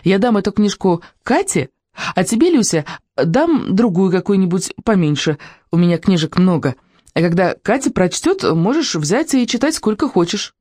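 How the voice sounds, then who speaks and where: An audiobook reader voices Natasha, an earnest, enthusiastic young girl who loves books and drawing, pitching the voice above their own while keeping it natural. The delivery is expressive, mid-range, at normal speed with a darkish tone, studio quality, and no echo.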